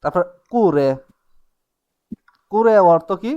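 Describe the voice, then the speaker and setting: A man teaching an online language class, his voice a little higher than most men's. He walks through examples patiently and keeps checking that the students are with him. The sound is dull and lo-fi, like a video call. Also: animated, dark tone. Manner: explains slowly with many checks like "ঠিক আছে?" and "নাকি?". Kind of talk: live online class taught in Bengali.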